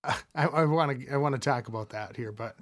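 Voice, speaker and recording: Male podcast host, casual and rambling, mid-pitch, dry close mic. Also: fast, no room sound. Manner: rambling, many fillers and restarts.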